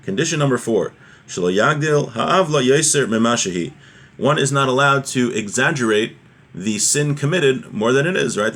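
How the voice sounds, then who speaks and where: Here a man of medium pitch and a fairly bright tone teaches religion informally. He reads a passage, explains it along the way, and asks the listener rhetorical questions.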